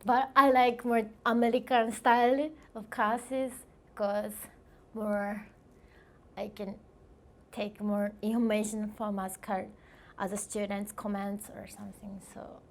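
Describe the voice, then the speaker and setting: A woman's voice: mid-range voice, level tone, slow pace. A young woman from Japan whose first language is Japanese, an international student speaking hesitantly in simple English. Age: young adult. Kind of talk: documentary interview.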